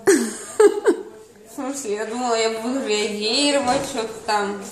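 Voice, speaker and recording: A woman's voice: a little high, a little slow. A young woman chatting casually, groggy from anesthesia with a numb mouth, slurred, confused and repetitive. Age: young adult. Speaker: patient after dental surgery. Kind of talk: casual chat. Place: small dental clinic room, indoors. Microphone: handheld phone a short distance away. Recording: echoey small room.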